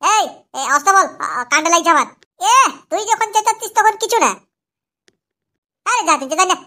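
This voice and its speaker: A performer voicing a squabbling young boy in a cartoon, with a squeaky, high child voice and quick, whiny bickering. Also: animated, noisy background. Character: squabbling young boy, street vegetable seller. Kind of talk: cartoon voice acting.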